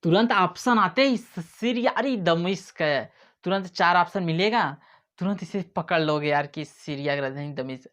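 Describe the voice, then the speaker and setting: A man's voice: high voice, normal speed, a bit bright. A man teaching memory tricks in a playful way, acting out little scenes as he explains. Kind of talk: mnemonic lesson to camera. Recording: dull lo-fi sound.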